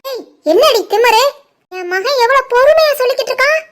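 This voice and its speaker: A woman voicing a proud, scolding middle-aged mother-in-law in an animated family story, with a Tirunelveli Tamil accent. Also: fairly quick. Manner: shrill, scolding.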